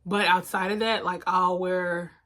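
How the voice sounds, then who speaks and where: A woman's voice: lowish voice, little pitch movement, measured pace, fairly bright tone. A woman in her thirties talking candidly and casually to her viewers, calling them y'all, filmed on a phone camera. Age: 30s. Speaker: vlogger. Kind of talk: casual confessional chat to viewers.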